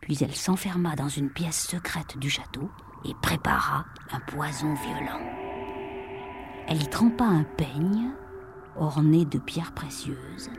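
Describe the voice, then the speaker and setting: Low-voiced woman reading a fairy tale. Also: slow, background noise. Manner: expressive, dropping to whispers for suspense. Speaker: storyteller. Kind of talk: storybook narration.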